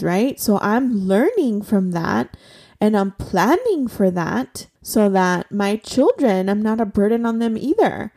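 With a medium-pitched voice that is creaky, mellow and husky, a woman in her forties hosts a podcast. She delivers a personal monologue in an earnest, conversational style with many fillers.

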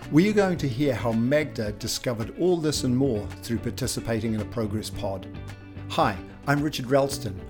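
A man hosts a podcast. His voice is of middling pitch, and he reads his introduction smoothly before moving into relaxed, conversational questions. Faint guitar music plays underneath. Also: moderate pace. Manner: scripted, smooth delivery in the intro, then easy conversational asking. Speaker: podcast host.

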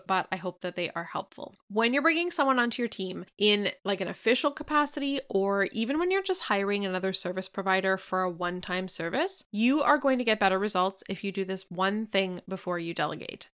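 A woman hosting a solo advice podcast, speaking in an upbeat, friendly and informal way and explaining things tidily in clear steps. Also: mid-range voice, sharp tone. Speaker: podcast host and business coach.

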